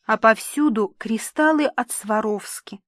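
A woman's voice: on the high side, measured pace, a bit bright, dry recording, clean studio sound. A woman reading aloud, voicing a prim, disapproving mother who corrects her daughter.

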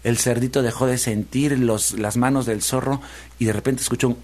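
A man, a radio host telling a children's story in a lively, repetitive rhythm. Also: mid-range voice, normal speed, background noise. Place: radio studio.

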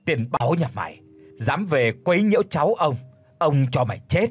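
A man doing a gruff old ghost grandfather. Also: very animated, moderate pace. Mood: scolding. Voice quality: booming, gruff. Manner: commanding, scolding. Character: old grandfather's ghost speaking through a boy, gruff and bossy.

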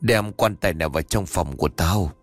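A man's voice: fairly quick, no echo, soft background music. A man doing a cold, eerie old man back from the dead. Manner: flat, low, emotionless commands.

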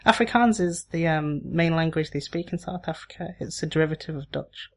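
A woman's voice: low-pitched, a little fast. A woman co-hosting a casual chat, teasing and laughing often as she explains things. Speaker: podcast co-host.

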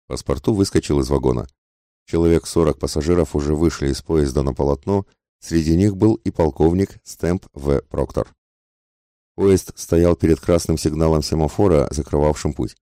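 A man reading an audiobook in a measured, even way. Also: rumbling low, no room sound, clean studio sound. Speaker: audiobook narrator. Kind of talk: audiobook narration.

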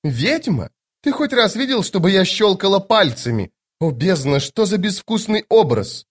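Brief: male reader doing imperious, flirtatious sorceress woman, high lilting voice, mocking and commanding. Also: big pitch swings, brisk. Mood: offended. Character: haughty, teasing sorceress woman, playful and imperious. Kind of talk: audiobook character voice.

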